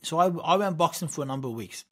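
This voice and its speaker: A middle-aged man, a guest on an interview, telling lively anecdotes from his youth in a casual way. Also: a little high, fast, breathy edge. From United Kingdom. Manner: vivid, animated anecdote-telling with laughs. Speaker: guest, former Olympic boxer.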